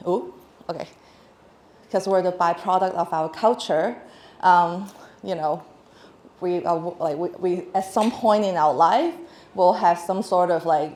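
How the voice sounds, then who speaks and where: On stage before an audience in a large hall, this thirtysomething Hong Kong woman speaks casually in a lowish, slightly mellow voice with a Hong Kong accent. The room is echoey, and her delivery is chatty and full of laughter, fillers and restarts.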